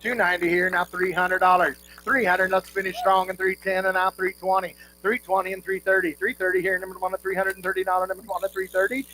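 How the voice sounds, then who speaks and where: A male auctioneer delivers a rhythmic bid-calling chant, looping numbers over and over with the odd folksy aside. His voice sits fairly high and stays within a narrow, steady range. It is a live recording with a clear hum behind him. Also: quick pace, few pauses. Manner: repetitive rolling number patter, folksy asides to the crowd.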